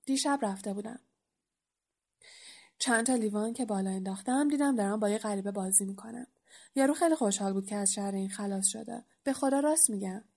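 A woman's voice: mid-range voice, darkish tone, lightly acted. Storybook: woman reading as a big cagey gamekeeper who rambles and boasts, only lightly voiced. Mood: boastful. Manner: chatty, rambling.

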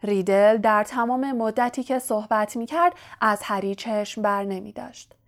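A woman narrating a story for an audiobook in an even, measured storytelling manner. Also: medium pitch.

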